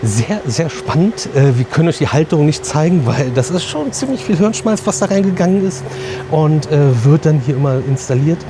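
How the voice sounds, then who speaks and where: Enthusiastic man vlogging over clear background noise. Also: fairly high pitch, expressive, moderate pace. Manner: enthusiastic, slangy. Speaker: vlog host. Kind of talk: casual vlog chat to camera.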